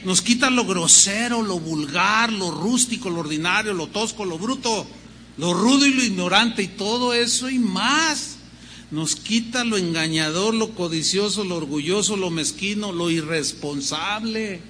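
A man's voice: sits high, measured pace, bright, forceful tone, in a large hall, a little hiss or hum. An older man preaching a sermon as pastor, telling a story with acted-out dialogue and rhythmic lists of words.

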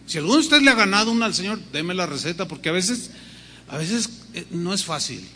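A man preaching a sermon in an animated way, acting out the voices of God and believers. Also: sits high, fairly quick, slight background noise. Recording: long hall reverb.

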